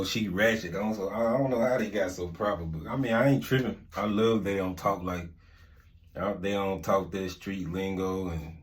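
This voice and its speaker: A middle-aged man, telling stories casually in rambling, repetitive, slangy talk. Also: deep voice. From Mississippi, United States. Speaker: vlog host and storyteller. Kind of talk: casual storytelling chat.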